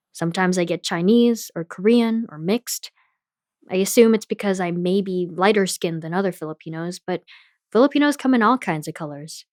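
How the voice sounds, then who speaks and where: A woman's voice: mid-range voice, darkish tone, no echo, studio quality. A woman hosting a podcast, telling a personal story in candid, scripted narration. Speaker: podcast host.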